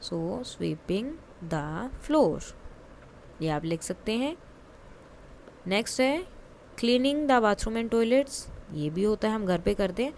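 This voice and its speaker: A woman teaching a worksheet lesson to young children, reading lines slowly and clearly and explaining them quickly in Hindi. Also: medium pitch, lively intonation, darkish tone, slight background noise.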